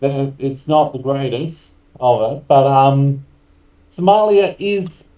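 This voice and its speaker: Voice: medium pitch, lively intonation, slow, mellow, distant mic. A co-host on a political chat show, chiming in with short agreements and hesitant asides. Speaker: podcast co-host. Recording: echoey room, away from the mic.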